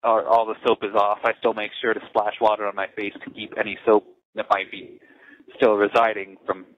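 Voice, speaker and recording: A man talking casually on a recorded prison phone call, calm and matter-of-fact. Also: lowish voice, a little fast. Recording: muffled lo-fi phone line.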